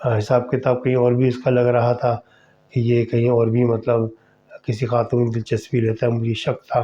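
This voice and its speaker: A man's voice: medium pitch, completely flat delivery, warm tone, slight background noise. A man hosting a podcast, telling a horror story in a chatty, conversational way and speaking directly to the listener. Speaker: storyteller host. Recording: slightly dull lo-fi recording.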